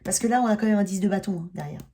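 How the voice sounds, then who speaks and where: A tarot reader gives a casual reading in a warm, medium-pitched voice, speaking rapid-fire. She sounds hesitant and searching, restarting often and saying "hein" a lot.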